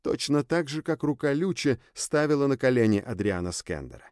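Expressive male audiobook narrator. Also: mid-range voice, moderate pace, no echo, clean studio sound. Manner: expressive, intense storytelling. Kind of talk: dramatic first-person audiobook narration.

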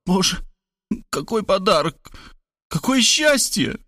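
A loud, domineering older mother who barks orders and gushes over her son, as a male narrator puts her on. Her voice sits high and swings wildly. The sound is dry and close. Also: expressive, normal speed, dry recording. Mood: triumphant. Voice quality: shrill, bossy, exclaiming.

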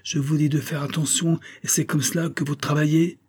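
A man's voice: on the high side, little pitch movement, a little fast, husky, voice pushed up. A man reading an audiobook, voicing a pompous middle-aged pharmacist who protests indignantly. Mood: furious. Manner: indignant, protesting, shouting at workers. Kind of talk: audiobook character voice.

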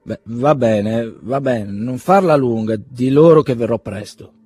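A man's voice: mid-range voice, unhurried, dark tone, slightly rough. A man voicing a blunt, impatient young man who talks brusquely and commandingly in an audiobook reading.

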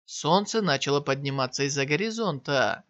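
A man reads a fantasy novel aloud as steady, even narration in a fairly high voice. The recording is dry and slightly dull, with no room sound. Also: normal speed, dry recording. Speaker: audiobook reader. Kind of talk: scripted narration.

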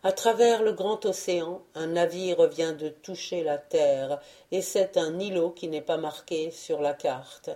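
Slow, low-voiced woman reading literature. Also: mellow. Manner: measured, unhurried reading. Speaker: audiobook reader. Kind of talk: literary audiobook narration.

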